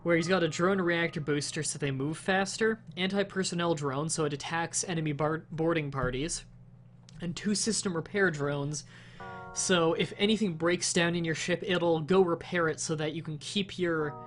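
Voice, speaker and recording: Faint music plays behind a slightly sick young man whose nasal voice is a little high, steady in tone, and at normal speed. In rambling let's-play commentary, he casually explains the game mechanics, with fillers and restarts throughout.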